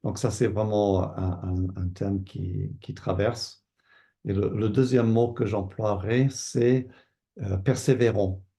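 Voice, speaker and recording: Slow, gravelly older Canadian man. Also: lowish voice, fairly even intonation, dark tone. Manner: thoughtful, hesitant with many fillers and repeated words. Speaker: pastor and Bible teacher. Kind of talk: unscripted interview answers.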